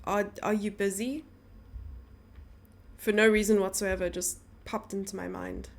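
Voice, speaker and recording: A woman's voice: medium pitch, level tone, unhurried, gravelly. Chatty woman streamer reading chat. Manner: chatty, teasing, reads chat aloud. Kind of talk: casual live-stream chat.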